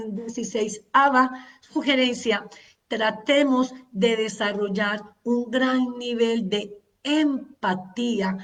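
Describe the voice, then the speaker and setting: A woman leads a parenting masterclass in a slow, deliberate teaching voice, pitched a little high. She is earnest and repeats words for emphasis as she runs through long lists. Her voice sounds distant from the microphone.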